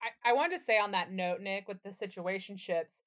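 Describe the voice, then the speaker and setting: A woman with a mid-range voice and moderate pace co-hosts a podcast, bantering casually in an emphatic, candid way and swearing freely.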